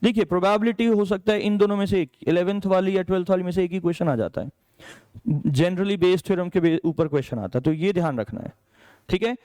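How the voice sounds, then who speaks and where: A male maths teacher from India walks students through an exam strategy, his high voice clear and ringing. He talks in a chatty, encouraging way, checks in with the class often, and mixes English subject terms into his Hindi. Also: brisk, a little mellow. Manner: chatty, checks in with "ठीक है", calls students "बेटा".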